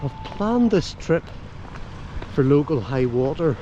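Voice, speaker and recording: Older male vlogger, Ulster accent, slightly high-pitched, easygoing explainer, recorded outdoors with clear background noise. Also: big pitch swings, takes it slowly, dark tone, lo-fi sound. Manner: easygoing, explanatory, with homely dialect words. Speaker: kayaking vlogger. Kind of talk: casual chat to camera while out kayaking. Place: outdoors by a slipway and on the sea in a kayak.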